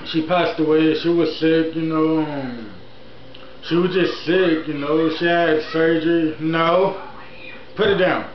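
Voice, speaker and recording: A man's voice: on the high side, steady tone, measured pace. A man in his early twenties telling a personal story in a casual, rambling vlog style, often repeating himself. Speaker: YouTuber, channel host. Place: indoor room at home, TV on. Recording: echoey room, dull sound, faint noise.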